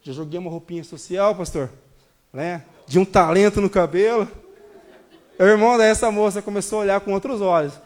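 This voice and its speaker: High-voiced Brazilian preacher telling a story. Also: male voice, fairly quick. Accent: Brazilian Portuguese. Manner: animated storytelling, addresses congregation as brothers. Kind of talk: sermon testimony.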